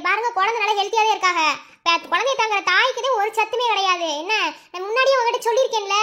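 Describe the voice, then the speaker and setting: A female doctor, played by a woman, lectures a couple with steady advice. Her voice is high and bright, and she speaks briskly, in an amateur family skit. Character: calm advising female doctor.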